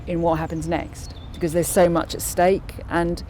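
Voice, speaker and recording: A woman speaks as a councillor in an interview, her voice low and mellow. She talks thoughtfully, restarting sentences and filling pauses. Faint outdoor noise sits behind her. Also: level tone. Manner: thoughtful, frequent restarts and fillers. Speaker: local councillor. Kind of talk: interview answers.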